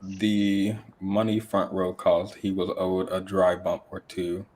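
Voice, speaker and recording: A man from the United States co-hosting a podcast, speaking deadpan in casual chat with many hesitant ums. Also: low-pitched, slow pace. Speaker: podcast co-host. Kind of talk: casual chat reading super chats.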